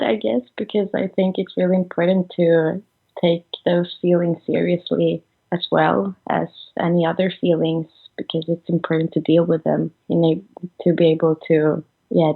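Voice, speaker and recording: A woman in her twenties from Sweden, a musician answering interview questions over the phone in a halting way, full of fillers and trailing off. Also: on the low side, vocal fry, breathy edge. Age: 20s. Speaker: musician guest. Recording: tinny phone line.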